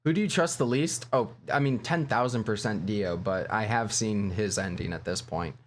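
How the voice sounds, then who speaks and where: A man's voice: fairly low pitch, normal speed, slight background noise. A man streaming a video game, chatting casually, laughing and reading game lines aloud. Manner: animated, giggly, reads game lines aloud. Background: faint game music.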